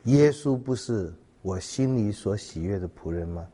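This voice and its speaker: A man giving a Bible teaching sermon, reading scripture and explaining it in a measured way, with fillers and repeated words. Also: fairly low pitch, lively intonation, dark tone. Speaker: preacher.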